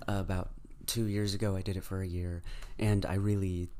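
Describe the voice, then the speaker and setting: A young actor talking excitedly in a casual interview, chatty and full of fillers. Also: male voice, deep voice, a little fast.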